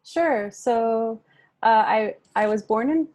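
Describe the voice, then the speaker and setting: Woman co-moderator, fairly high voice, hesitant, uh fillers. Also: takes it slowly, darkish tone. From Miami, USA. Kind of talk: webinar talk.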